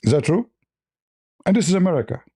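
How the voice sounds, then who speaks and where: A man's voice: on the high side, sing-song, fast talker, gravelly, mellow, breathy edge. A man hosting a livestream, giving mocking, sarcastic commentary and repeating phrases for emphasis. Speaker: livestream host.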